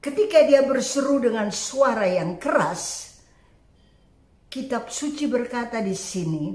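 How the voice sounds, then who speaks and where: A woman delivers an earnest sermon in a high voice. She speaks slowly and emphatically, with dramatic pauses between phrases. The recording carries a roomy echo. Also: lively intonation, darkish tone. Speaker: preacher.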